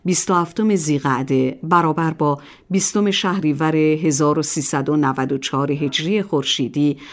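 Woman narrator, very low voice, formal measured reading, history calendar script. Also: a little mellow.

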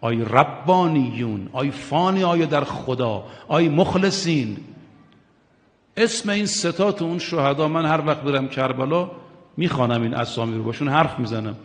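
Impassioned preacher, man, echoing hall. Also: a little high. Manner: impassioned, swings between hushed and loud; addresses listeners directly, urging and questioning. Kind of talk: religious sermon. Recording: long hall reverb.

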